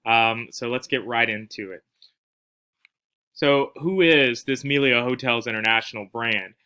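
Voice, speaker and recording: A man's voice: mid-range voice, unhurried, sharp tone, clean tone. A man giving a casual recorded class presentation, with frequent fillers and restarts. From not from Spain. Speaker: student presenter.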